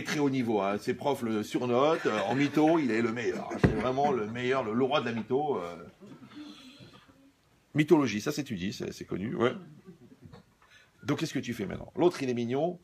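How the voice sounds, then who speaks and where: A man's voice: mid-range voice, normal speed, noisy background. A man who is a religious teacher, giving a humorous sermon in a wry, teasing way, telling stories and turning aside to his listeners.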